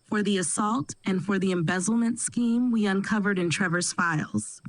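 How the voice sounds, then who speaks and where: A woman voicing a calm, sharp female attorney who speaks precisely. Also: medium pitch, moderate pace, no room sound, close to an everyday voice.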